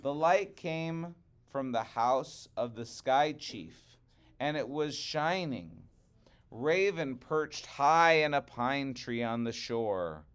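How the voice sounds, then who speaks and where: Reading a picture book to children, a male storyteller speaks deliberately and expressively, leaning into dramatic emphasis. His pitch sits in the middle range and his tone is clean.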